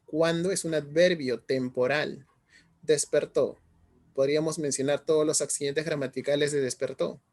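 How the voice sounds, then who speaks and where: A man's voice: a little high, steady tone, normal speed, a little mellow. A middle-aged male teacher giving an online class, often asking students questions and checking in as he explains. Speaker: language teacher.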